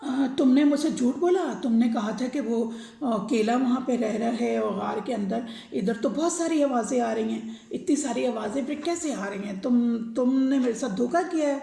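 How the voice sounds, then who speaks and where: A woman's voice: on the high side, creaky, hardly any pauses, mellow. Woman doing a gullible lion king. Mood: commanding. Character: male lion king, commanding but gullible. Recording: echoey room.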